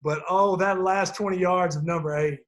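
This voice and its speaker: A man's voice: sits high, steady tone, normal speed. A middle-aged man reminiscing casually on a video call. He rambles, restarts his sentences and chuckles often. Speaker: former player on a team reunion call.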